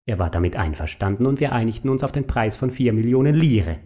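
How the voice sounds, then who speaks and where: A man voicing a sly, suave male secretary who tempts like a devil, in a smooth, coaxing, mocking manner. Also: mid-range voice, animated, fast, mellow, lightly acted. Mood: persuasive.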